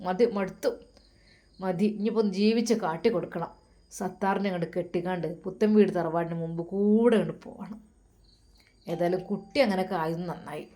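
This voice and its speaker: A woman's voice: fairly low pitch, fairly quick, dark tone, lightly acted. A woman voicing a complaining, self-pitying mother who scolds and grumbles in a Malappuram Malayalam accent. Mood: grumbling.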